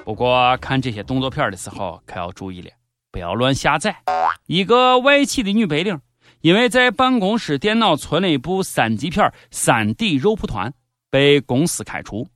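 Animated, sardonic man with a Shaanxi accent. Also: a little high, moderate pace, dry recording, clean studio sound. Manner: sardonic, mock-serious. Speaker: host of a satirical news commentary show. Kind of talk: comedic scripted news commentary. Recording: background music under the voice. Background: music.

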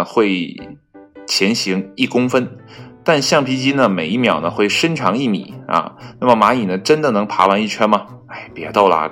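A man casually reading an article aloud. He adds chatty asides, leans on filler particles between phrases, and trips over foreign names and corrects himself out loud. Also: on the low side. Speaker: reader of an online article.

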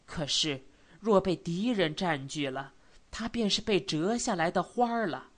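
A woman reading an audiobook voices a gentle older male scholar who speaks softly and in a measured way. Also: expressive. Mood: sorrowful. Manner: soft, low-voiced, measured.

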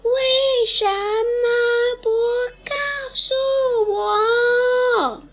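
Woman doing a talking mountain, canyon echo, far-off repeated calls, very slow drawn-out words, lo-fi sound. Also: very high voice, steady tone, pitched above the performer's own voice, heavily acted. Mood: wailing echo. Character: echoing mountain answering a little rabbit. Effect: distant canyon echo, repeated calls. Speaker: children's storyteller teacher. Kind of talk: bedtime story reading. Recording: dull lo-fi recording.

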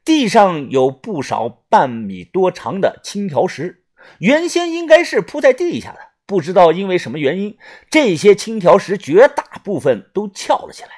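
Male audiobook narrator, husky tone, very lively pitch, first-person adventure reading. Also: moderate pace. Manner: animated storytelling. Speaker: storyteller.

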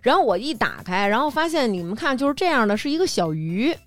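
A woman podcast host chatting casually, telling lively stories and acting out the dialogue. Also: fairly high pitch, fast, soft background music. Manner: lively storytelling, acts out quoted dialogue. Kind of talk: casual chat.

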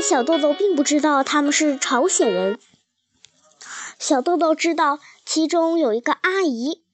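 A woman narrating a children's story in a calm, careful storybook reading. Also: high-pitched, no echo.

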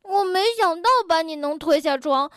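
A woman's voice: extremely high pitch, normal speed, no room sound, studio quality. A woman voicing a young male frog in a children's story, who is stubborn but tender-hearted and talks in a huffy, sulky tone. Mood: defensive.

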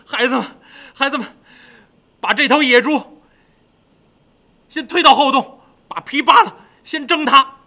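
A man's voice: very high-pitched, expressive, bright, forceful tone, pitched above the performer's own voice, exaggerated voice. Man playing a grieving demon king. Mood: commanding. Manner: commanding, slow and solemn.

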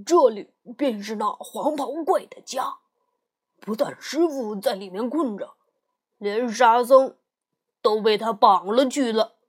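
A woman storyteller voices a cowardly, greedy male pig monk who hems, fawns and pleads, in a pleading mood. Her voice is husky and on the high side, and her pace is measured.

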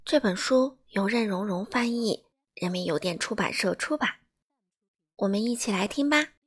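A woman reading a children's picture book aloud in a lively, expressive, dramatic way. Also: mid-range voice, normal speed, breathy edge. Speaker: storyteller for children.

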